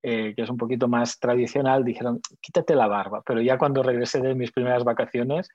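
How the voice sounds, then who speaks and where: A man's voice: mid-range voice, level tone, fast talker, darkish tone, no room sound. Man, Spanish accent, from Spain, TV weather presenter, hesitant, many fillers, dry, muffled lo-fi sound. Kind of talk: interview answers, casual.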